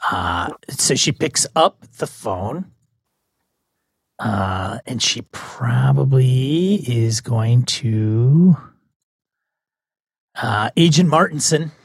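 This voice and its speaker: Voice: mid-range voice, very slow, pauses often, husky, no room sound, studio quality. Casual tabletop game master. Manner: relaxed, many fillers and restarts. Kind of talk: running a tabletop horror game.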